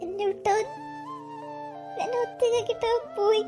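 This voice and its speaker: A very high, girlish voice of a young woman in a cartoon drama, acted by a woman, sobbing and pleading in a breaking voice over a bed of music. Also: fairly even intonation, moderate pace. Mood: grieving. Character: grief-stricken young woman, his sister.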